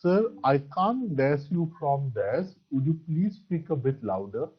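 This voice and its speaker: A man's voice: a little high, big pitch swings, moderate pace, breathy edge. A man with an Assamese accent teaching an English grammar lesson, spelling out words and answering his own questions. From Assam, India. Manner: asks questions and answers them himself, praises with "very good". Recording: dull lo-fi recording.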